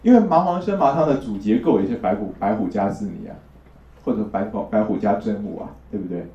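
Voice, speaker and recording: Fast and animated, a man with a fairly low, warm voice delivers a classroom lecture on traditional Chinese medicine. He explains step by step and frequently seeks his listeners' agreement, though the recording is distant, roomy, and lo-fi.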